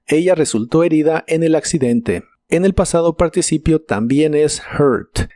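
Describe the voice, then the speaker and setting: A man teaching English vocabulary in a scripted lesson, modelling each word slowly and carefully. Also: a little high, mellow, no room sound. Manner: slow, careful model pronunciations.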